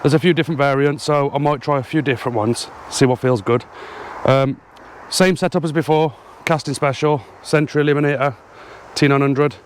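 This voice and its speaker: A man's voice: medium pitch, fairly even intonation, a little fast, hardly any pauses, slight background noise. A man vlogging about fishing outdoors in a field, slightly out of breath, talking casually with frequent ums to an action camera. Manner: chatty, hesitant, lots of ums. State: a little out of breath.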